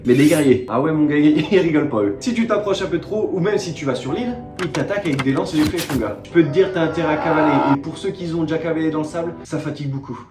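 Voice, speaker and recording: A man's voice: mid-range voice, reverberant. A young man vlogging from his living room, rambling in slangy, self-mocking chatter with many fillers. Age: young adult. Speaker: YouTuber. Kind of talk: casual vlog storytelling.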